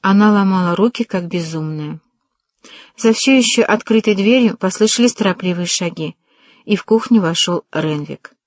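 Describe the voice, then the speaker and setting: A woman's voice: medium pitch, moderate pace, no room sound. Woman reading a dramatic novel aloud. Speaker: audiobook narrator. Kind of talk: expressive audiobook narration.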